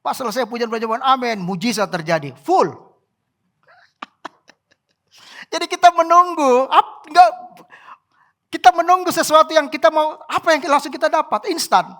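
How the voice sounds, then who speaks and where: A pastor preaching a sermon at a church service, swinging from soft, quiet remarks to loud exclamations and acting out prayers and cries. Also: sits high, normal speed, long pauses. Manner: animated, acts out prayers and cries.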